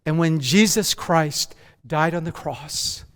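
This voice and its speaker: A man born in Japan and raised in North America, preaching a measured, emphatic conference sermon as senior pastor that builds through repeated phrases. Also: a little high, a bit bright. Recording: long hall reverb.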